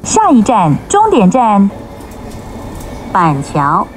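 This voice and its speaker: A woman's measured station announcement comes over a train intercom, with clear enunciation. She speaks slowly, her pitch rising and falling in a lively pattern, and faint noise sits behind her. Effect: over the train's intercom loudspeaker. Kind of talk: recorded transit announcements.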